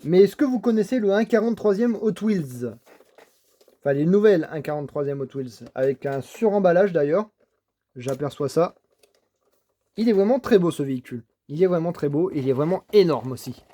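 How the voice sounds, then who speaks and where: A man with a slightly high, warm voice talks at a normal speed in an animated way while unboxing toy cars from his home desk. A collector vlogger, he repeats enthusiastic praise often, stammering and restarting through his casual commentary.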